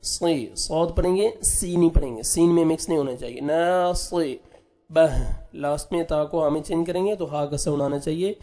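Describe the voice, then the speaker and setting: A man teaching Quran recitation, patiently spelling out letters and sounds, then drawing out each recited word slowly. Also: on the high side, dark tone, faint music behind. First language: Urdu.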